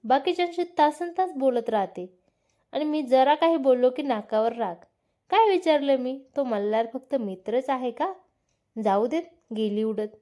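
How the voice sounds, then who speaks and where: A woman's voice: sits high, moderate pace, dark tone, lightly acted. A woman voicing a sulky, jealous young husband. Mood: sulking. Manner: teasing, needling questions.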